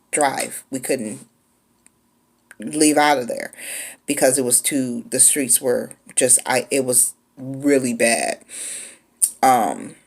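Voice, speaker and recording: A woman in her forties telling a personal story in a casual, laid-back way, with frequent pauses. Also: low-pitched. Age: 40s. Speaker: vlogger.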